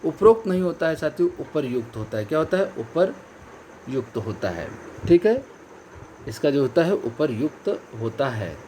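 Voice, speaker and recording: A man's voice: a little high, very animated, moderate pace, darkish tone. A male teacher runs an online exam-prep lesson in a slightly raised voice, calling his viewers friends. He stresses each key word and repeats every correct answer. A faint hiss sits under the recording. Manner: addresses viewers as friends and companions.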